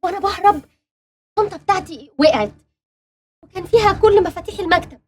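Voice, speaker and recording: A woman's voice: very high voice, darkish tone. Woman playing a panicked young Egyptian woman. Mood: anxious confession. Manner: pleading, rushed, tearful. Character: frightened young woman pleading under interrogation.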